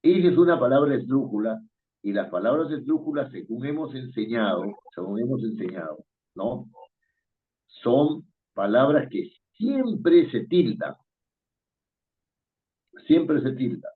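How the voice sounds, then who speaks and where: A man's voice: mid-range voice, animated, normal speed. A man teaching an online spelling class, patient and questioning, chuckling now and then. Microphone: video call. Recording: tinny phone-like call audio.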